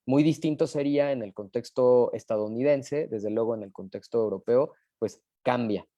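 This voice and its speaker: A Mexican-accented man explains his ideas, often tagging "¿no?" and pausing with fillers. His voice is dark and mellow, and the sound is dry and close. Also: mid-range voice, no room sound. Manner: many fillers, rhetorical questions. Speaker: panelist. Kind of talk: explanatory talk. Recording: online live talk.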